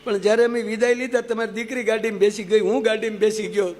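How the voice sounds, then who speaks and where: A man's voice: high voice, level tone, fast, long reverb tail, pitched above the performer's own voice, natural voice. Young son-in-law, earnest and fond, put on by a male storyteller.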